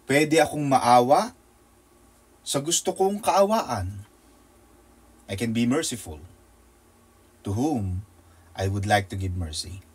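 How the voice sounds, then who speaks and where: A male pastor with a Filipino accent, preaching a sermon with rhetorical questions and call-and-response, swinging between loud emphasis and soft asides. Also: a little high, husky.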